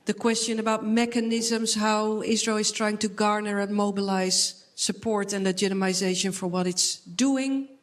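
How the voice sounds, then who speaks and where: A woman moderating a lecture Q&A gathers the audience questions and sums them up for the speaker in a measured, deliberate way. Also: medium pitch, fairly even intonation.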